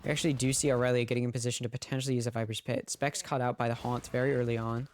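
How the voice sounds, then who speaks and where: A man's voice: mid-range voice, flat delivery, racing. Man casting esports for a stream. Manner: casual, talks straight to chat. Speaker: streamer casting a watch party. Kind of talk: esports play-by-play commentary.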